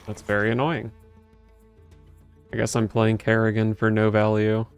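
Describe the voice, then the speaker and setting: A man commentates casually on his own gameplay in a smooth, clean voice. He is dry and sardonic, muttering strategy aloud, with faint game music behind him. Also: fairly low pitch, monotone, normal speed. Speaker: game streamer.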